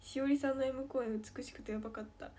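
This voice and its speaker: A woman's voice: high voice, fairly even intonation, fast, mellow. A young woman with a Kansai Japanese accent, chatting playfully on a livestream as she reads fan comments aloud and answers them. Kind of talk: casual livestream chat.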